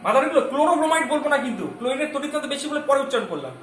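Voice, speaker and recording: A male chemistry teacher giving a lesson, constantly quizzing his students and repeating key terms slowly so they stick. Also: very high voice, big pitch swings, a bit bright. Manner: keeps asking the class questions and checking they follow. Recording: echoey room with faint ambience.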